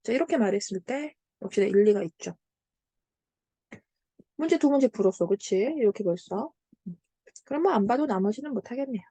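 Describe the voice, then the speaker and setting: A woman's voice: medium pitch, fairly quick, long pauses, husky, no room sound. A woman tutoring Korean literature, walking through exam answers in a chatty way and checking in with her students as she goes. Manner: chatty, checks in with "right?" and "got it?"; retells story lines in a lively voice.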